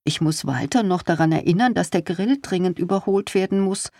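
A reader voicing Inge, a practical older wife who is patient but insistent. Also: female voice, fairly low pitch, fairly quick, mellow, no room sound, studio quality, pitched above the performer's own voice, natural voice. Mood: scheming.

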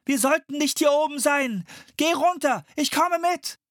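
A man voicing a seasick boy in an audiobook, shouting over wind and waves. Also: extremely high pitch, a little slow, no room sound, studio quality, pitched above the performer's own voice. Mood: urgent shouting. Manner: raised, shouted.

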